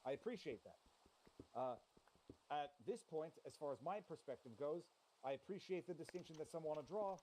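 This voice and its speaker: A man hosting his live stream, commenting in an animated, forceful, opinionated way. His voice sits slightly high. Clear noise sits under the mic. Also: fairly quick, poor audio. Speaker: streamer host.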